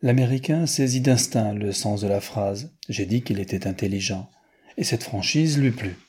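A man narrating a novel aloud in a measured, literary reading. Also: lowish voice, darkish tone, breathy edge. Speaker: audiobook narrator.

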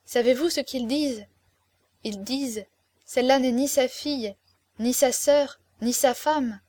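Woman reading tender young woman, tearful, imploring, raised higher voice, dry close sound. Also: measured pace, a little mellow, no room sound. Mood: wistful. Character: young woman, tender, pleading, devoted ward. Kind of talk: audiobook character reading.

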